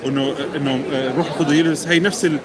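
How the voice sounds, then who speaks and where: A man's voice: on the high side, fairly even intonation, rapid-fire. A man from Britain with a Levantine Arabic accent, speaking hesitantly in a casual debate. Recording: outdoor street with busy crowd noise.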